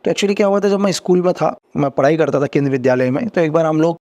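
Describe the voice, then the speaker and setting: The recording sounds lo-fi, capturing a middle-aged man with a fairly high, darkish voice. A former agent and podcast guest, he shares his story in an easygoing interview, talking quickly and sincerely, repeating himself and picking up energy while explaining.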